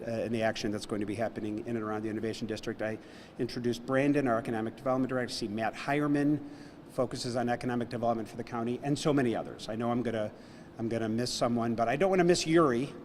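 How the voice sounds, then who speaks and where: A man's voice: mid-range voice, fast talker, darkish tone, big-room sound, a little hiss or hum. A man, a civic official acting as emcee, closing a ceremony speech in an informal, joking, rambling way. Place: large indoor hall.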